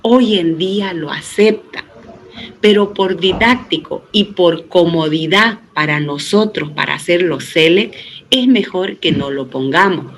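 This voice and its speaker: In a rough recording with a little hiss or hum, a middle-aged man teaches databases in a fairly high, slightly bright voice. He works patiently through each step, keeps asking students tag questions to check in, says "este" as filler, and often restarts words.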